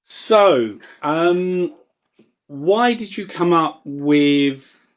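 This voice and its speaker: A man's voice: fairly high pitch, animated, very slow. Hesitant male interview host. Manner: hesitant questions with fillers. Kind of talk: casual interview.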